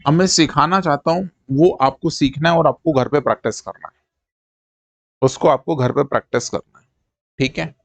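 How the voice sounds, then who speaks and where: A man teaching a live-streamed maths lesson, drilling fractions and percentages in quick call-and-response and checking that his students follow. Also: a little high, gravelly, no echo. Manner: coaxing, repeats "ठीक है" to check students follow.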